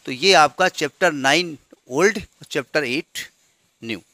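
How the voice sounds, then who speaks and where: A man's voice: on the high side, expressive, a little slow, bright, forceful tone, no room sound. A man teaching a maths lesson, counting steadily through question numbers and checking that his students follow. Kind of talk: classroom lesson explaining textbook changes.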